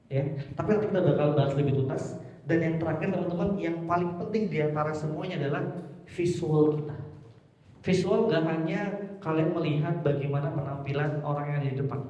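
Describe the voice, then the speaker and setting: A man's voice: fairly high pitch, darkish tone. A young man teaching public speaking to a class, playful and teasing as he quizzes his students. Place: large echoey room with an audience. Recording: echoey hall, muffled sound.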